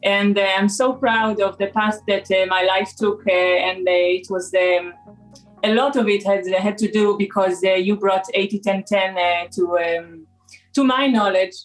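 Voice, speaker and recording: Israeli woman, halting and filler-heavy. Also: mid-range voice, fairly even intonation, faint music behind, poor audio. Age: 40s. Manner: hesitant, many uh and um fillers. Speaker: raw food consultant, guest. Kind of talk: casual interview chat.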